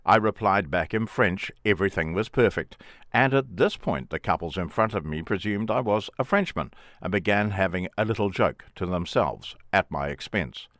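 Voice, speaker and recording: A middle-aged man reads his memoir aloud, his very low voice rising and falling with lively movement. The telling is plain and wryly matter-of-fact, recorded close and dry with no room sound. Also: moderate pace, dry recording. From England. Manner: plain, wry first-person storytelling. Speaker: memoir author and narrator.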